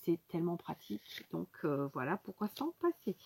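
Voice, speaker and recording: A woman's voice: fairly low pitch, sing-song, moderate pace, creaky, darkish tone, husky. A woman hosting a casual craft tutorial, explaining each step to her viewers with many fillers and asides. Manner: talks directly to viewers.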